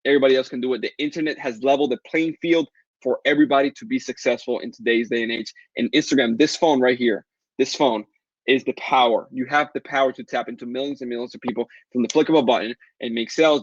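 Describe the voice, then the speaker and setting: A man with a Latin American Spanish accent rattles through a live webinar Q&A, upbeat and pushy like a sales pitch. His voice is a little husky, and he talks quickly. The audio is dry and a bit muffled. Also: steady tone, no room sound. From Caribbean. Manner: fast, upbeat sales pitch answering chat questions. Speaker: online course seller hosting a webinar.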